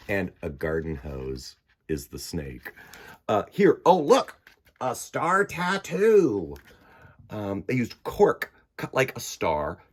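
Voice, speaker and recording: A storytime host with a fairly low, breathy-edged voice reads a children's picture book aloud. His delivery is expressive and dramatic, with conversational asides.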